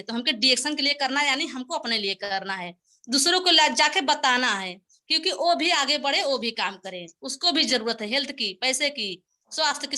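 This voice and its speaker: A woman addresses a meeting in a high, bright voice and builds her case through homely parables. She circles back over the same phrases to drive each lesson home, exhorting her listeners to keep going. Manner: folksy, repetitive, exhorting. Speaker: motivational speaker at a sales meeting. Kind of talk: motivational speech with parables.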